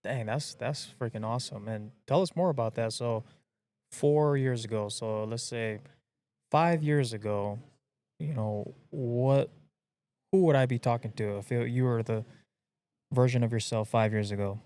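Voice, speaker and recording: Easygoing guy from hawaii hosting a podcast, rambles a bunch, mellow voice. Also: medium pitch, a little slow. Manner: rambling, lots of fillers and slang. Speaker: podcast host. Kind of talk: casual chat.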